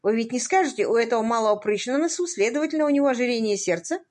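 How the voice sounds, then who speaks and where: A woman voicing a curious, witty aristocratic gentleman detective who muses aloud in playful questions. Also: a little high, rapid-fire, close to an everyday voice. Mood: musing. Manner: musing, playful rhetorical questions.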